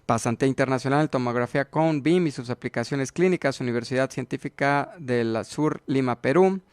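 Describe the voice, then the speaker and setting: A man's voice: medium pitch, normal speed, smooth, no room sound. A man hosting an online dental webinar, formally introducing the guest speaker with effusive thanks. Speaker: webinar host.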